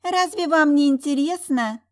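A sly, spiteful young noble sister, as a woman reader puts her on in a storybook reading, with a very high, thin voice. She hisses her coy taunts. Every line drips mockery. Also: a little slow, a little mellow. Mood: mocking.

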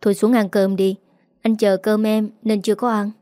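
A woman's voice: medium pitch, little pitch movement, normal speed, mellow, no room sound, studio quality, lightly acted. A woman reading the lines of a worried middle-aged husband in an audiobook story, barely changing her voice. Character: gruff older husband, worried and demanding.

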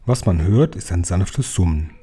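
A calm, loving grandmother in her eighties, read by a man. She speaks slowly and gently in a low, dark, husky voice. It is an audiobook reading for children. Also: heavily acted. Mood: tender. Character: 86-year-old grandmother, calm, loving and wise.

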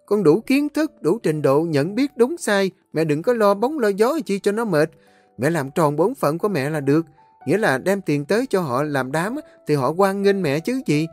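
A cocky teenage girl who talks back in a high, bouncing voice, as a male narrator puts her on. The holds, and the recording is dry with faint music. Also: sing-song, moderate pace, a little mellow, no echo. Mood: defiant. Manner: sassy, defiant.

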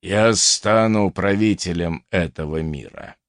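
Guy putting on a deep slow bass for a pompous fat viking, all grand and menacing, dry close sound. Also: no room sound.

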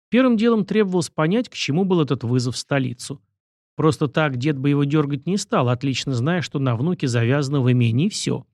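Gravelly male audiobook narrator. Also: mid-range voice, a little mellow, no room sound, studio quality. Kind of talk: scripted narration.

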